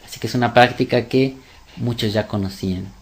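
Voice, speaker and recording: A man gives a sermon-style scripture lesson in a voice of ordinary pitch. He stresses his points hard and keeps asking rhetorical questions. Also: brisk. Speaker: religious teacher. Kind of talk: sermon-style Bible teaching.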